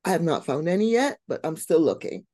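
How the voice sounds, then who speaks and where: An older woman from Barbados, a guest on a radio interview, telling her story in a lively, humorous way. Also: deep voice, brisk, no echo. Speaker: guest, brain and behavior coach.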